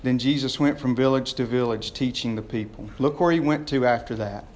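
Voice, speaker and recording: A man's voice: mid-range voice, fairly quick. A man preaching an informal, conversational sermon, folksy in his wording and often putting questions to his listeners. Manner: folksy, addresses listeners as gang, boys and y'all.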